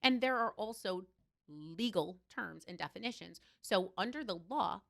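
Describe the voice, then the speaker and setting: A woman's voice: medium pitch, lively intonation, normal speed, vocal fry. A woman, a former judge, speaking as an interview guest and telling her story in an impassioned, emphatic way. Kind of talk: candid interview talk.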